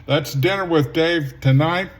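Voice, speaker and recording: Man, casual cooking-vlog host, slow and opinionated. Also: on the high side. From southern Louisiana. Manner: rambling, opinionated asides. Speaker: home cooking show host.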